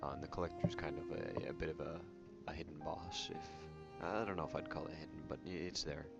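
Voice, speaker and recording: Prominent music nearly buries the slightly muffled voice of a YouTube game channel host doing soft-spoken ASMR commentary on a video game. His speech is very low, crackly, and full of fry, soft but never a whisper, with fairly even intonation and a slightly fast pace. He rambles casually and keeps correcting himself.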